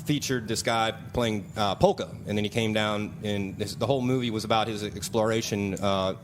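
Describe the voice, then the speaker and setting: Low-voiced rambling male band member. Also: fairly even intonation, normal speed. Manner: rambling, laughing storyteller. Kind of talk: casual chat. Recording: noticeable background noise.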